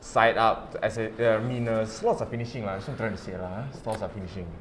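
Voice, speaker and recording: A man's voice: lowish voice, fast talker, slight background noise. A man giving casual esports commentary in colloquial English sprinkled with "lah". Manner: colloquial, uses 'lah' particles. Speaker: esports tournament caster.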